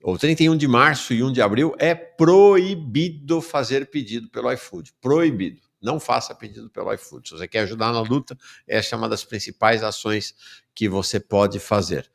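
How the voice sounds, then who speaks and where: A man's voice: on the low side, fairly quick, gravelly, fairly bright tone. A male host of a live interview show, upbeat and emphatic.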